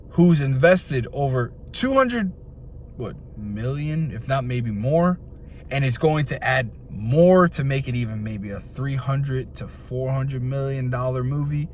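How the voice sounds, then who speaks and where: A young man hosting an opinion video, venting in a frustrated, animated way and jumping from point to point. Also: mid-range voice, slow, a little hiss or hum. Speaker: video host.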